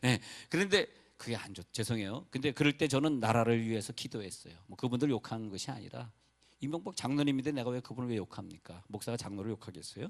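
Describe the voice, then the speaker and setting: A man's voice: mid-range voice, animated, fast talker, gravelly. A male pastor from North Korea preaching a sermon in a loose, chatty way, with rambling asides and apologies to the congregation.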